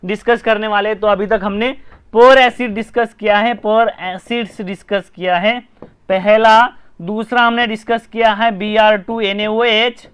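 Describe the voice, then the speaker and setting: A man with an Indian accent runs a live online chemistry lesson, his voice sitting very high and coming through smooth and clear. He talks briskly, repeats key terms again and again, and keeps nudging viewers to comment and share. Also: steady tone, fairly bright tone. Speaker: chemistry teacher.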